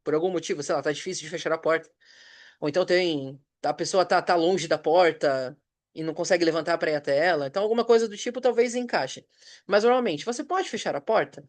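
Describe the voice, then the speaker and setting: A Brazilian man who teaches English, giving a patient recorded review lesson. He reads example sentences slowly and checks in with short questions. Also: fairly high pitch. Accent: Brazilian Portuguese.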